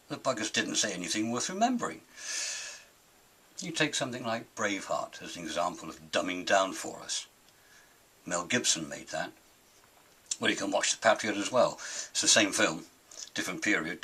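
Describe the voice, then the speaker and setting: Older male, gravelly-edged husky tone, animated pitch swings, indignant curmudgeon holding forth on his pet gripes. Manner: grumpy, indignant, emphatic. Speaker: opinionated film critic and host of his own show. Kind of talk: rambling opinionated monologue.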